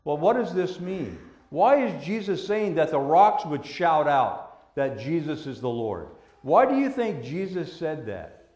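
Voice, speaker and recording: A man preaching a children's sermon as a pastor, gentle and patient like a Sunday school teacher, using simple words and questions. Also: on the high side, very animated, measured pace. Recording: echoey room.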